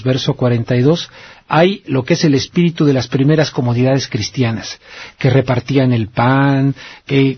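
Hosting a radio call-in show, a man with a Mexican accent offers casual, colloquial commentary that rambles and turns reflective. His mid-range voice is slightly rough, and the recording has a lo-fi quality.

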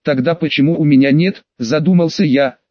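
A man's voice: on the high side, a little fast, no echo. Man narrating an audiobook, dull dry sound. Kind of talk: first-person audiobook narration.

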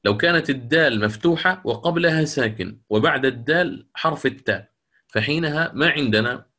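Male recitation teacher, bright forceful tone, mid pitch, lectures and then chants verses slowly. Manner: asks the class questions and answers them himself. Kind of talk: lecture on Quran readings.

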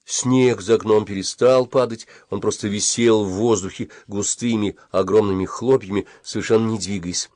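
A man narrating a first-person story at a measured pace. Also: lowish voice, steady tone, a little mellow, no room sound, clean studio sound. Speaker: audiobook reader.

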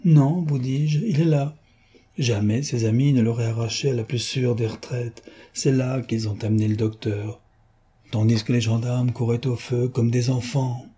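A man's voice: medium pitch, fairly even intonation, moderate pace, warm tone, breathy edge, lightly acted. A man voicing an eager young amateur detective, insistent and fervent, in a storybook reading.

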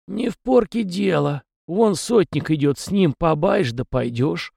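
A man reading an audiobook, voicing a stern, gruff old male elder who speaks sharply. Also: a little high, expressive, measured pace, darkish tone, no room sound, studio quality, voice pushed up, heavily acted.

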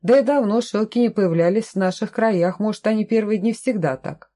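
A woman's voice: mid-range voice, brisk, mellow, natural voice. Brief: confident, bossy villager man, plain everyday voice, played by a woman narrator. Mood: eager. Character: eager, boastful male villager.

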